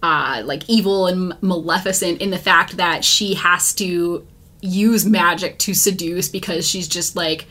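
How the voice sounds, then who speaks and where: A woman's voice: lowish voice, fairly even intonation, a little slow, bright, forceful tone. A woman with a Californian surfer accent, co-hosting a casual podcast chat in a flippant, profane way full of "like". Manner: flippant, profane, filler-heavy "like" talk. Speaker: podcast co-host.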